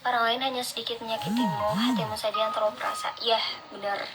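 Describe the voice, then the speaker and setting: A young adult woman with a soft r that slurs toward w, reading out motivational religious lines and commenting on them in an earnest, encouraging, casual way. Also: on the high side, fairly even intonation, fast talker. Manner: slurred r sounds, close to w. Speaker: vlogger. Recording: instrumental music behind the voice. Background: instrumental music.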